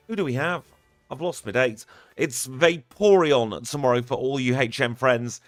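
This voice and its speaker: A man's voice: mid-range voice, a bit bright, no echo. Chatty man streaming a game. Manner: chatty, upbeat, thanks viewers one by one. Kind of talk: live stream sign-off chat.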